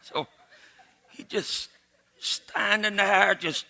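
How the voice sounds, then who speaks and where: Bright, high-voiced Cajun man spinning a yarn. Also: steady tone, extremely slow, vocal fry. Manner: folksy, rambling, repeats phrases. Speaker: comedian, joke teller. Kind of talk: live comic storytelling.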